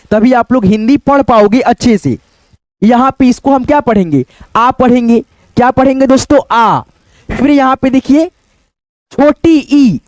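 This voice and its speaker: A man with a strikingly high voice gives a beginner's Hindi reading lesson, stretching out each letter and then blending the sounds into words. He keeps turning to his viewers with little checking questions. The sound is dry and close, with no room around it. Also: a little mellow, dry recording. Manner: slow, drawn-out syllable-by-syllable sounding out, repeating each word.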